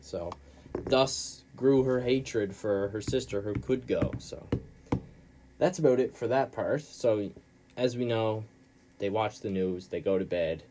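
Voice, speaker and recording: A man's voice: fairly low pitch, slow pace, background noise. A male podcast host giving a casual, rambling recap of a chapter in informal, slangy storytelling.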